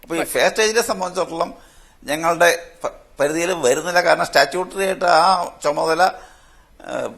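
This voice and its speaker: An older man, a retired judge who heads a fare commission, explaining in a halting way full of restarts on a televised panel. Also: on the high side, gravelly, a bit bright. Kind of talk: panel discussion.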